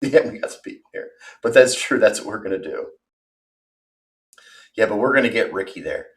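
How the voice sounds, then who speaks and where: A man in his thirties with a fairly low voice talks in a loose, rambling livestream chat. He is candid and self-deprecating, and he sits some distance from the microphone, so his voice sounds a bit far off. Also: animated, moderate pace. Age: 30s. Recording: voice from far off the mic.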